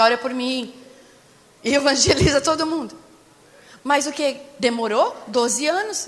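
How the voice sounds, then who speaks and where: A Brazilian woman in her thirties delivers a sermon in a high, bright voice. She talks directly to the congregation, slowing down to drive her points home. Her voice rings with the long reverb of a large hall. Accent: Brazilian Portuguese. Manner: animated, direct, slows down for emphasis. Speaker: preacher.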